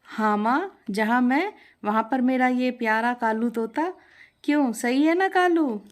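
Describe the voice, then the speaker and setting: A woman's voice: a little high, a little slow, pitched above the performer's own voice, natural voice. Woman playing a cheerful young bride. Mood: fond. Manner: affectionate, coaxing. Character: cheerful young bride, fond of her parrot.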